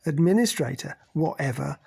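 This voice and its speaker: A man's voice: on the high side, moderate pace, gravelly, darkish tone, husky. A man voicing Jessie, a blunt woman who jeers and mocks, in an audiobook. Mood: jeering. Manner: mocking, jeering. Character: jeering, blunt working woman.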